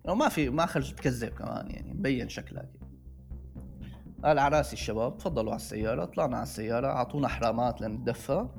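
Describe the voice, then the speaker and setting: A man's voice: mid-range voice, expressive, racing, gravelly, darkish tone, soft background music. A man from Syria with a Syrian Levantine Arabic accent, casually telling a personal story and re-enacting dialogue as he goes. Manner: conversational, re-enacts dialogue as he tells it.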